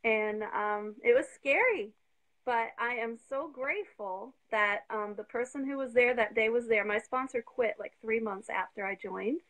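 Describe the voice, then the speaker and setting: A woman in her fifties, a guest on a live video interview, telling her story eagerly and sounding slightly out of breath on a phone call. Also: a little high. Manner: eager, talks fast when excited.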